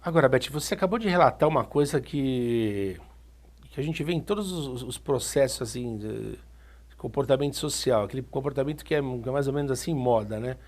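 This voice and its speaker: A man's voice: mid-range voice, animated, brisk, a little mellow. A man with a Brazilian Portuguese accent hosting a TV program, asking long, winding interview questions full of restarts.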